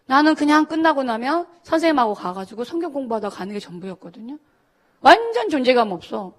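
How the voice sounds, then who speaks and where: Animated middle-aged woman preaching. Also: high-pitched, brisk. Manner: animated storytelling, acting out quoted voices. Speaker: pastor. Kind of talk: sermon testimony to students. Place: church service.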